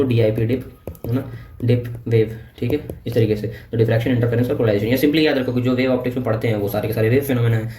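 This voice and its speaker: A man giving a casual Hinglish physics revision lecture. He keeps checking in with his students and reads textbook lines out slowly. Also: mid-range voice, mellow. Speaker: NEET physics teacher. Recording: echoey room with faint ambient noise.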